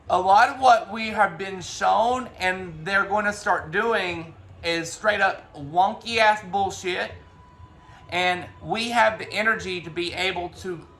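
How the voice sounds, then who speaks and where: A man talks casually about spirituality as a reader, in a high voice. His tone is bright and sharp. He rambles and restarts often, dropping in the odd swear word. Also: a little hiss or hum.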